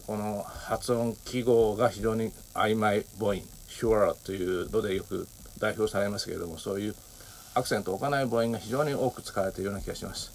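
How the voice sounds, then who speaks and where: A man hosting a solo audio talk, speaking politely and thoughtfully with many pauses and fillers. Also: on the low side, gravelly, a little hiss or hum. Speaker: podcast host.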